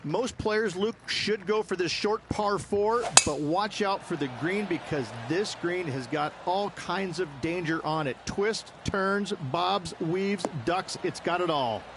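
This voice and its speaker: A man's voice: sits high, slow pace, hardly any pauses. A man voicing an enthusiastic golf commentator who gives descriptive analysis. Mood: enthusiastic, explanatory. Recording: clear outdoor background noise.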